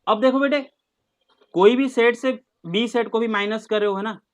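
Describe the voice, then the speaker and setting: A man's voice: sits high, moderate pace. A man teaching a maths class online, patient and coaxing, mixing English terms into his talk and calling students "beta".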